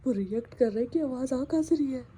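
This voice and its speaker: A woman's voice: high voice, animated, fast talker, dark tone, breathy edge. A woman narrating her dogs' antics in a casual home vlog, chatty and exasperated, now and then calling out to them. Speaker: dog owner narrating her pets' antics.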